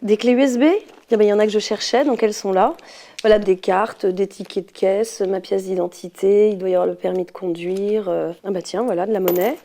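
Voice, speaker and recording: A woman's voice: medium pitch, steady tone, brisk, mellow, a little hiss or hum. A woman schoolteacher going through her handbag, amused and laughing at herself. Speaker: schoolteacher being interviewed. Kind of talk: casual talk while emptying her handbag.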